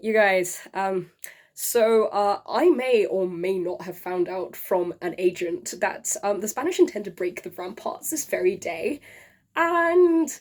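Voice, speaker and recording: A woman's voice: medium pitch, animated, unhurried, a little mellow, lightly acted. A woman voicing a scheming male army officer who delivers bad news in a casual, offhand way.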